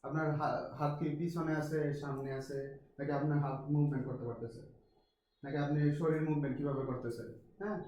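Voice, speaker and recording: A man's voice: on the high side, steady tone, a little fast, darkish tone, recorded from a distance. A man with a Bangladeshi accent teaching an English class, mixing Bengali and English and asking his students questions. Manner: mixes Bengali with English, asks students questions, frequent restarts. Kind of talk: classroom lecture. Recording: very echoey classroom with some noise.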